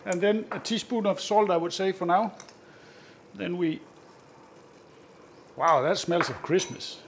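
A man hosting a cooking show, calmly explaining each step as he cooks, often chuckling. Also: high voice, unhurried, background noise. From Northern Europe. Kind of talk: casual cooking demonstration.

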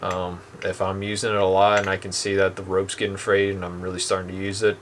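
A low-voiced young man demos boat anchors for his channel, talking fast in a relaxed, plain style full of ums. The dim room at home has slight background noise.

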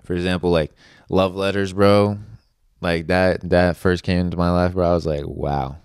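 A young man in his early twenties talks in a casual podcast chat. His voice sits very low and comes out smooth and clear, recorded close and dry. He rambles, padding his thoughts with "like" and "you know.". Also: little pitch movement, moderate pace, no echo.

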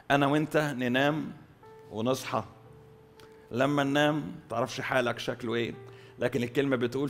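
A male pastor with an Egyptian Arabic accent preaching a sermon, pushing key words loud, letting line endings fall soft, and repeating phrases for stress. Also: mid-range voice. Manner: emphatic, swings between loud stresses and soft drawn-out endings. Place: church hall.

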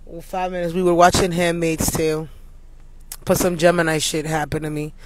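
A man's voice: on the high side, level tone, normal speed, no echo. A man hosting a casual livestream as an astrologer, joking around and putting on a mock announcer voice, talking into his phone.

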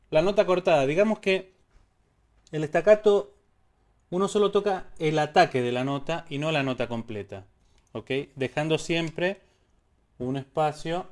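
Guy giving a casual music theory class, clear smooth voice, kinda high, sings ta ta ta to show rhythms. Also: darkish tone. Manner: explains step by step, sings syllables to demonstrate rhythms. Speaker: music teacher.

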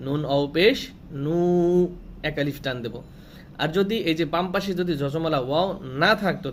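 Slightly high man teaching, repeating rules. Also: a little hiss or hum. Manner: repeats each rule slowly, asks and answers his own questions; draws out vowels when demonstrating. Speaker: Quran reading teacher. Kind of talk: step-by-step recitation lesson.

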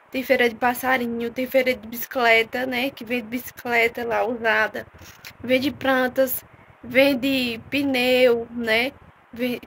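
A woman's voice: fairly high pitch, vocal fry, fairly bright tone, a little hiss or hum. A young woman, chatting to viewers in a casual phone vlog and often calling them "my people". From Northeast Brazil. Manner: chatty, calls viewers "minha gente". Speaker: vlogger. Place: open-air market outdoors, then a room by a block wall. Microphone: phone camera held at arm's length.

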